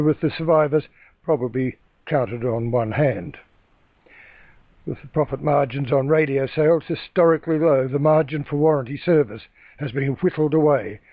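An Australian man reading a scripted news item in a measured, reflective tone. His voice comes through a tinny, phone-like line. The sound is dry and close. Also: on the high side, no echo. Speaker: news correspondent.

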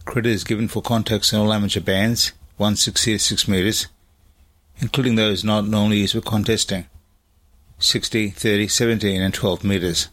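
Aussie bloke reading a radio news bulletin, fairly low voice. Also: male voice, steady tone, moderate pace, fairly bright tone. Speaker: operational news presenter.

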